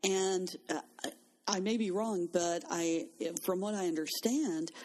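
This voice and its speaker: Mellow, husky woman teaching scripture. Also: lowish voice, a little slow. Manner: earnest, teaching tone, quoting scripture. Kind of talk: faith-based conversational talk.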